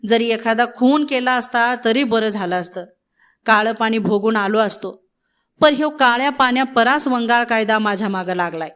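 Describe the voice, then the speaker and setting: A woman's voice: a little high, moderate pace, fairly bright tone, clean tone, close to an everyday voice. A woman reading the part of an anxious village man pleading in rustic dialect.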